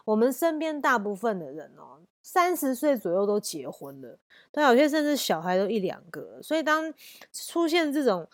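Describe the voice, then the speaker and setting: A woman, telling a personal story in a casual podcast chat, blunt and lively. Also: a little high, normal speed, no echo, clean studio sound. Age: 30s. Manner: blunt and animated, acts out heated phone quarrels. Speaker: podcast host.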